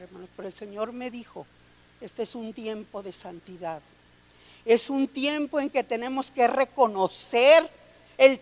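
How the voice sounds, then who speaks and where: Female preacher, unhurried sermon with scripture reading, in a hall with a long reverb. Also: fairly high pitch. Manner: reads scripture aloud, calls listeners brother and sister.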